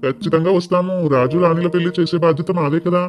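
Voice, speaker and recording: A man playing a brisk village priest. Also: a little high, soft background music, close to an everyday voice. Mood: formal. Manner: monotone, fast, formal blessings. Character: genial village priest arranging a wedding.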